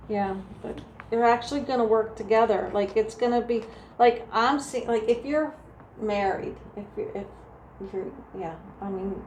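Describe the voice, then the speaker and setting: A woman with a New Jersey accent doing a casual tarot reading, talking softly and meandering through restarts. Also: mid-range voice. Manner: soft, meandering, full of restarts and "like". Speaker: tarot reader. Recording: echoey room with faint ambient noise.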